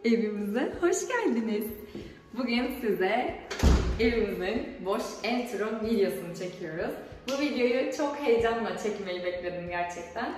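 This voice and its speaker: A woman's voice: fairly high pitch, animated, moderate pace, background noise. A woman in her twenties chatting casually to viewers as she gives a home tour. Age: 20s. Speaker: vlogger giving an empty home tour. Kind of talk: casual vlog chat to viewers. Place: empty apartment rooms, indoors. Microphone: camera or phone a few steps away. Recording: very echoey empty rooms, far from mic.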